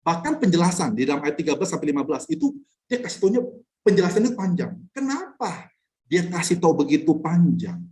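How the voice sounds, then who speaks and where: A man's voice: a little high, a little mellow. A man who is a pastor teaching a casual Bible study, blunt and full of rhetorical questions to his listeners. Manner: chuckles between points. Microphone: online class recording.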